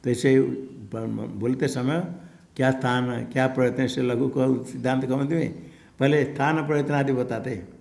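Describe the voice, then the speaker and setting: A man with a gravelly, creaky voice teaches a scripture class. He explains patiently and unhurriedly, dropping in a soft laugh now and then. His pitch sits in an ordinary middle range. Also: fairly even intonation, normal speed. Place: ashram classroom.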